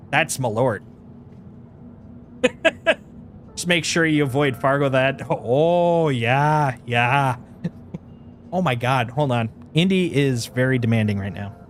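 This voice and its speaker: With a medium-pitched, slightly nasal voice, a Wisconsin man chats on his game stream, speaking slowly and pausing often. He plays up his Upper Midwest accent, stays animated and jokey, laughs a lot, and drops exaggerated folksy exclamations, with some hiss or hum in the background.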